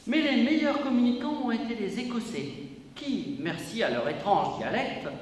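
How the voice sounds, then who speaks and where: A man's voice: extremely high pitch, lively intonation, normal speed. A man, president of a local history society, giving a formal inauguration speech with emphatic, declamatory delivery in an exhibition hall. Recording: echoey hall, voice from a distance, faint room noise.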